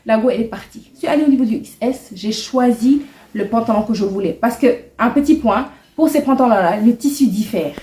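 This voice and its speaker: Young woman doing a storytime vlog, kinda high voice, indignant, echoey room. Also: brisk, mellow. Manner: chatty and indignant, mixing in English and Wolof. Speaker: vlogger.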